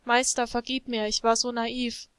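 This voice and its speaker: A woman's voice: fairly high pitch, flat delivery, normal speed, a bit bright, clear, resonant tone, no echo, natural voice. A woman voicing a naive clay jug. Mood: pleading. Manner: pleading, tearful when broken. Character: naive little clay jug, eager and needy.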